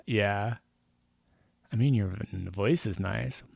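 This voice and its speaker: Over a game stream, a man rambles casually in a wry, self-mocking way, his voice gravelly and edged with fry. It sounds close and dry with no room or echo, fairly low, a little mellow, and slow.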